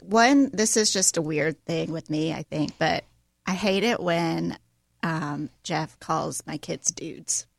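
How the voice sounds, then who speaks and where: Woman podcast guest, slightly low and creaky, brief and offhand in casual chat. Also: takes it slowly, no echo, clean studio sound. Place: podcast studio.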